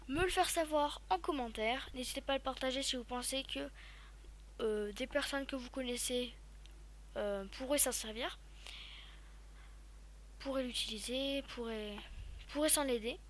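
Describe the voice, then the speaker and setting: A woman giving a casual, chatty step-by-step software tutorial, talking loosely with lots of fillers. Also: high voice. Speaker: tutorial YouTuber.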